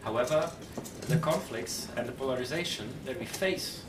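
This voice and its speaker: A man with a Czech accent giving formal panel remarks in halting, deliberate phrases. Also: mid-range voice. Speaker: politician, panelist. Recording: echoey, noisy room, distant mic.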